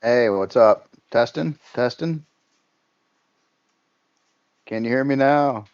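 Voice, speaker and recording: Slow-spoken man on a dry, dull line. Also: medium pitch, smooth, no room sound. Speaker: guest builder. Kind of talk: casual mic check. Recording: dry, dull lo-fi call audio.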